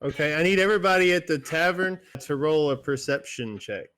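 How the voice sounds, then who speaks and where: A man's voice: on the high side, expressive, a little fast, fairly bright tone. A man narrating as game master in a tabletop game, casual and rambling, full of fillers.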